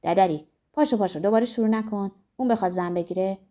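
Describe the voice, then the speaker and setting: A firm old grandmother, brisk and gently scolding, as a woman reads her in an audiobook. She speaks with a lifted, emphatic tone. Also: medium pitch, lightly acted. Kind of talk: audiobook character reading.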